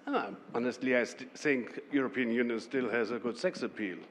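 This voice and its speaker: A man with a German accent, a member of parliament speaking on a panel in a measured way, with short laughs and restarts. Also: mid-range voice, background noise. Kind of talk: panel discussion. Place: conference hall. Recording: reverberant hall with faint ambience.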